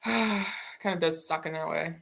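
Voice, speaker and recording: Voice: mid-range voice, measured pace, gravelly, fairly bright tone. A streamer in a casual drawing stream, musing aloud and swearing casually.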